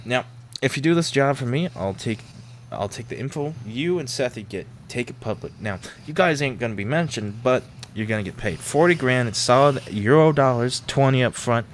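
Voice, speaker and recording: A man's voice: medium pitch, expressive, moderate pace, a little hiss or hum, lightly acted. A man voicing a slick, sleazy talent agent in a tabletop game, with used-car-salesman patter. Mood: smooth salesmanship. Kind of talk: tabletop role-play.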